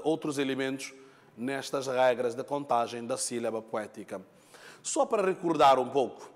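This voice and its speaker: Man teaching in a reverberant room. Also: fairly high pitch. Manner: patient, repetitive explaining with check-in questions. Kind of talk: classroom lesson.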